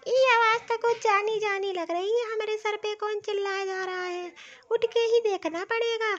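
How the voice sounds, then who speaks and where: A woman's voice: very high voice, fairly even intonation, moderate pace, fairly bright tone. A woman voicing a lazy, grumbling middle-aged mother-in-law in a cartoon, whining and making excuses. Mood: sleepy grumbling. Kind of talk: cartoon voice acting. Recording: slightly dull lo-fi audio.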